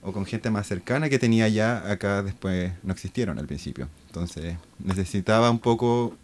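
A Chilean man with a fairly low voice speaks as an interview guest. He talks thoughtfully and rambles a little, circling back to restart his thoughts. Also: fairly quick, slight background noise. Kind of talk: casual interview chat.

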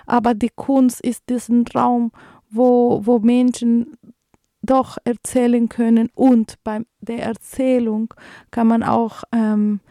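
Colombian woman, flat mellow radio voice. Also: on the high side, dry recording, studio quality. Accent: Colombian Spanish. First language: Spanish. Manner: halting, searching for words, earnest. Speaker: radio show host. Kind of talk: radio moderation with read news.

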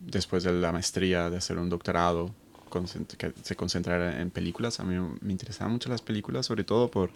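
A man's voice: sits low, level tone, fast, creaky, slight background noise. A man in his thirties from Colombia, a guest talking thoughtfully in an interview, with many fillers and restarts. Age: 30s. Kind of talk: conversational interview.

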